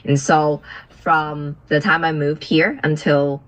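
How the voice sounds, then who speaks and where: A young woman from Vietnam, a business partner chatting casually on a video call, friendly and asking questions with fillers and soft laughs. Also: low voice, flat delivery, slow, highs cut off.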